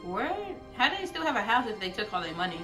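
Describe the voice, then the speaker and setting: A woman hosting a reaction video, chatty and exclaiming, quick to laugh at what she watches. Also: medium pitch, very animated, over music. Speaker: video host reacting to a series. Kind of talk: casual reaction commentary.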